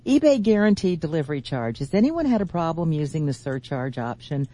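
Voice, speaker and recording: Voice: medium pitch, big pitch swings, a little fast, mellow, dry recording. A radio show co-host reading listener questions from a chat board and taking calls. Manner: reads listener questions aloud.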